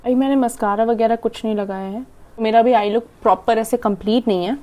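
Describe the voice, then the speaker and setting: A young Indian woman with an Indian accent, chatting fast through a casual makeup tutorial as she applies it and swallowing half her words. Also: fairly high pitch, fairly even intonation, dark tone. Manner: chatty, demonstrating while applying makeup. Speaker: makeup vlogger. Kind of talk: casual makeup tutorial, Hindi-English mix.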